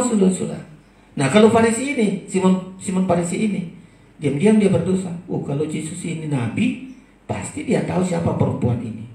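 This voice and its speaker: Man, pastor, emphatic sermon, high voice, very echoey church hall, heard from afar. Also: darkish tone, far from the mic. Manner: preaching with emphatic swings of pitch and volume.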